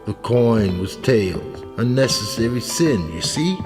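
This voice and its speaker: In a radio play, an actor voices a bitter, rambling, down-and-out ex-serviceman who croons old songs. His mid-range voice swings widely in pitch at an unhurried pace, set in a large hall with music playing behind him.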